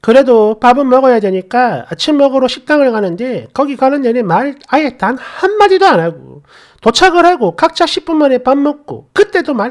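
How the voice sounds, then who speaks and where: A woman's voice: fairly high pitch, darkish tone. A woman narrating a personal story in a casual, exasperated, conversational way.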